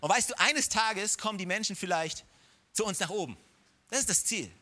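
A pastor with a high, sharp-toned voice and lively intonation preaches a sermon at a moderate pace. He addresses the listener directly, offering encouragement along with humorous asides.

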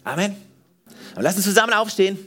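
High-voiced man preaching a sermon. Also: fast talker, slight background noise. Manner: lively, emphatic preaching. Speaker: pastor. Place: church service.

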